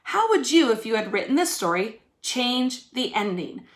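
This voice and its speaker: A woman with a slightly high voice and big swings in pitch talks at a normal pace. She's teaching young pupils through an informal video lesson recorded in an echoey room, speaking to them directly and explaining one step at a time.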